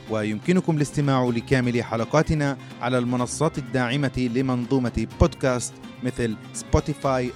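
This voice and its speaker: A man hosting a podcast in a formal, measured public radio manner. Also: mid-range voice, a little mellow. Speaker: podcast host.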